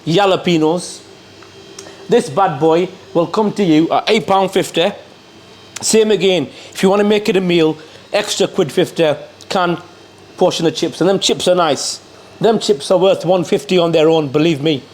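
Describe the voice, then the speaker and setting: A man with a high-pitched voice reviews food casually on camera at normal speed, talking between bites. He chats with his cameraman, addressing him directly and repeating catchphrases, with clear background noise in the recording.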